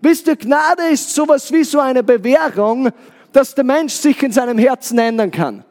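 A man's voice: very high-pitched, lively intonation, normal speed, darkish tone. A man preaching a sermon with passion, often stumbling and repeating words as he restarts his sentences. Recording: long hall reverb.

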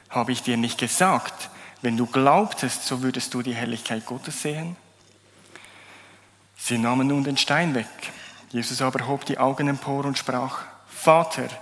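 A man's voice: mid-range voice, a bit bright, big-room sound. A man giving a sermon. He reads Bible verses aloud and talks about them in a conversational way, with a few slips and restarts. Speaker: preacher.

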